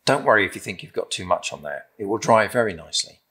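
Seated at a table in a timber-framed room, a middle-aged Briton leads a craft demo in a low, faintly husky voice. He talks at a quick pace, his intonation bouncing up and down, as he gives easy, encouraging steps in a gentle way.

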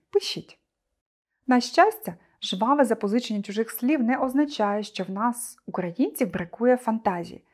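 A woman teacher presenting a scripted online lesson, speaking clearly and deliberately to her pupils. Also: fairly high pitch, darkish tone.

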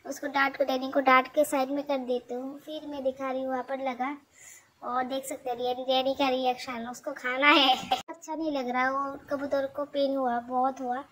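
Woman vlogger, very high voice, narrow even pitch, chatty casual narration, noisy phone recording. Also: moderate pace. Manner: chatty, scolds her dog.

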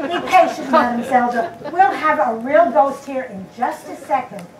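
A woman's voice: high voice, expressive, normal speed, a crowd in the background. An older woman acting a bossy, scheming wife who snaps orders in an amateur stage play. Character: scheming wife plotting against her husband. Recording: echoey hall from far off, audience.

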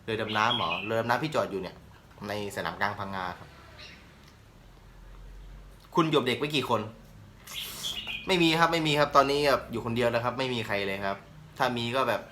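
A young man from Thailand with a slight northern Thai accent, a channel host casually answering viewers' questions in a relaxed, joking way. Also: mid-range voice, brisk, pauses often, noisy background. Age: young adult. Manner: relaxed, joking, laid-back. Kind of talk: casual Q&A chat.

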